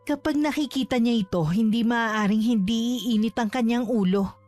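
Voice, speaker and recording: A woman narrating a horror story in a steady, measured way. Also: fairly high pitch, faint music behind.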